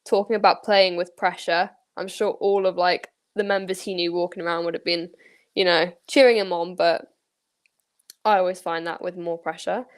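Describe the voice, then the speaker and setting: A woman's voice: lowish voice, fairly even intonation, moderate pace. Enthusiastic woman co-hosting a podcast. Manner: enthusiastic, uses "like" a lot. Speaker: podcast co-host. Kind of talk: casual podcast chat.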